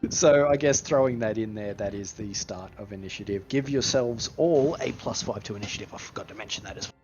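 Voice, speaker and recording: Male game master, tabletop narration. Slightly deep, dull recording with prominent music. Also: fairly quick, a little mellow.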